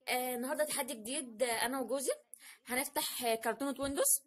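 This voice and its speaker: Playful and casual, a young woman hosting a home challenge video talks in a high, very fast voice with an Egyptian Arabic accent. It's an unboxing chat captured in a noisy home setting full of crinkling packets.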